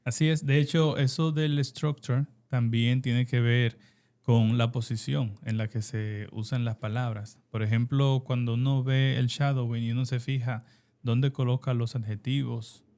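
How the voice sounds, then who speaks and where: Mellow-voiced Dominican man co-hosting. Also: mid-range voice, little pitch movement, a little slow. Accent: Dominican Spanish. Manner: agreeable, adds points after brief affirmations. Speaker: co-host. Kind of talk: explaining in an educational podcast.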